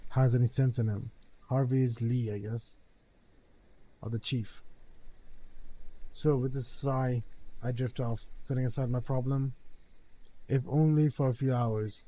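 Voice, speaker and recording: A man's voice: medium pitch, warm tone. A man casually reading game text aloud, often stumbling over words and restarting them.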